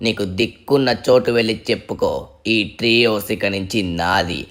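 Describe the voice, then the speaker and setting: A man's voice: on the low side, brisk, fairly bright tone, close to an everyday voice. A man doing a spoiled arrogant rich son. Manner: haughty, scornful. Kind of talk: Telugu game role-play dub.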